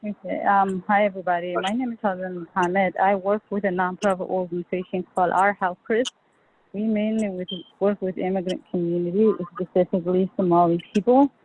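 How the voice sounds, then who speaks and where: Woman nonprofit worker, relaxed and conversational, dialed in on a thin phone line. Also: lowish voice, fairly quick. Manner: casual, conversational, um fillers. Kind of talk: casual remarks on a video call. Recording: phone-like, faintly noisy line.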